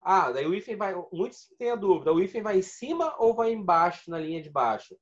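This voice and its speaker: A man's voice: high-pitched, sing-song, a little fast, highs cut off. A man teaching a video lesson, explaining rules step by step and repeating key points. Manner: explanatory, repeats points and counts syllables aloud.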